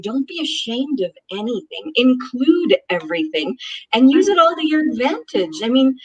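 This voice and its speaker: Husky, emphatic woman in casual talk. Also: fairly high pitch, low-quality recording. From Israel, raised in the United States. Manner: emphatic, enthusiastic, hesitant fillers. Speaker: co-host. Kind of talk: casual conversation.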